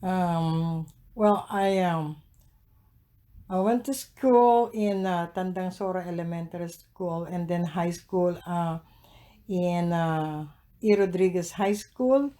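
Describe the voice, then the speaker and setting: A man in his sixties from the Philippines, with a Filipino accent, answering interview questions hesitantly with many filler pauses. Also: high-pitched, dark tone. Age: 60s. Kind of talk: oral history interview.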